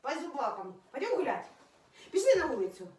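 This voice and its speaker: A woman's voice: high-pitched, very animated, fairly quick, darkish tone, distant mic. A woman at home talking to her dog in playful, teasing baby talk and laughing often, recorded on a phone camera held away from her. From Ukraine. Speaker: dog owner. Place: at home indoors. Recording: roomy, from off-mic, faint noise.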